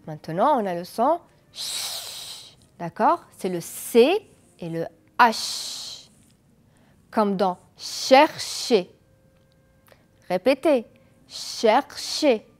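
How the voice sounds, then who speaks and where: A woman teaching French pronunciation on an educational TV lesson, drilling words slowly and asking the class to repeat after her. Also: a little high, a little mellow. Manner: slow, deliberate drilling with repeated checks. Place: TV studio.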